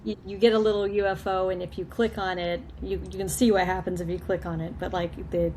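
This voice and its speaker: A woman's voice: lowish voice, flat delivery, brisk, mellow, slight background noise. A woman filmmaker chatting as a guest in a casual video call interview, repeating words and laughing often.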